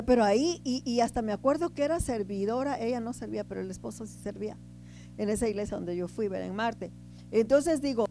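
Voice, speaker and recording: Higher-voiced woman preaching. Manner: conversational, keeps asking the congregation "right?"; swings between loud emphasis and quiet asides. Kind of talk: sermon.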